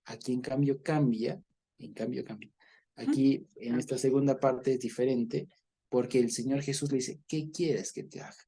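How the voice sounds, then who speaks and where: A man's voice: mid-range voice, steady tone, moderate pace, mellow, slightly rough. A man teaching a Bible study, explaining at length, repeating words and checking in with listeners.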